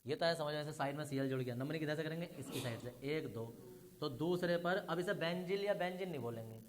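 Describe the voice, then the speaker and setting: A man's voice: fairly high pitch, fast talker, crowd noise. A man teaching a chemistry class, explaining step by step and speaking directly to his students. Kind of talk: classroom lecture.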